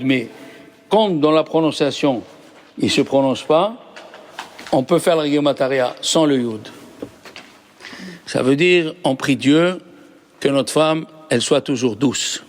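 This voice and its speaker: A man's voice: on the high side, a little hiss or hum. A man, a rabbi, teaching a Torah class, asking the class questions and explaining patiently. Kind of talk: lively Torah lesson.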